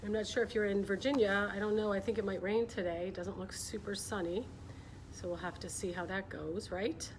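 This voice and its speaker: This middle-aged woman talks casually with young viewers and reads a picture book during a children's livestream. She speaks fairly quickly in a steady, mid-range voice over a rough recording with clear background noise.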